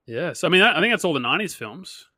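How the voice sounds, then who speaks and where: A man's voice: a little high, sing-song, racing, bright, forceful tone, dry recording, clean studio sound. A man co-hosting a casual film podcast, chatty and rambling, often laughing along with his friends. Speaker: podcast co-host. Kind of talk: casual chat.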